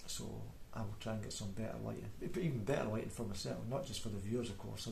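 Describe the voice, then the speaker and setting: A man's voice: fairly low pitch, steady tone, fast talker, creaky, darkish tone. A man in his forties with a broad Scottish accent, chatting casually in a rambling, hesitant, self-deprecating vlog. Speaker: beginner painter making video diary. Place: indoor room at a table. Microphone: microphone, off camera. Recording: roomy echo, background noise, clicks.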